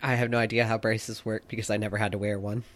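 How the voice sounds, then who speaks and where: A man's voice: fairly low pitch, level tone, quick pace, fairly bright tone. A man co-hosting a podcast in casual chat, laid-back, with short agreeing replies. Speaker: podcast co-host.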